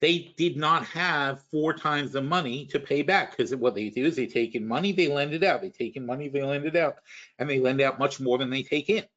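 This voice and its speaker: A man hosting a stock market webinar talks a little fast in a medium-pitched, fairly bright tone. His finance explanations wander, with many restarts and worked examples, on a muffled recording.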